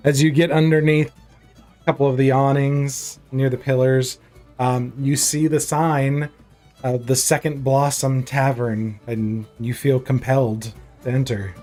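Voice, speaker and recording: A man's voice: medium pitch, flat delivery, a little slow, darkish tone, faint music behind. A man improvising narration as game master of a tabletop fantasy game.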